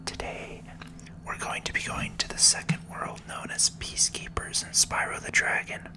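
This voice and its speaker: This is ASMR commentary on a video game playthrough, whispered by the host gently and without hurry. The voice is soft, breathy, and calming.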